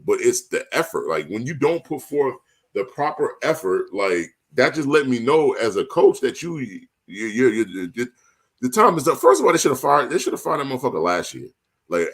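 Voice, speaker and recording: A man's voice: mid-range voice, a bit bright. A man co-hosting a casual sports podcast, rambling with lots of filler words and getting heated and emphatic. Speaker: podcast co-host.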